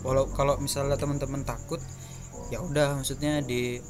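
Halting young man chatting over music. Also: medium pitch, flat delivery. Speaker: podcast co-host. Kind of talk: casual podcast chat.

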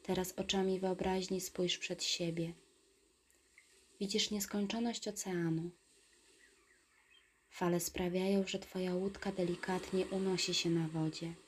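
A woman guiding a meditation in a soft, soothing whisper, giving calm instructions. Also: fairly low pitch, husky. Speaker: meditation guide.

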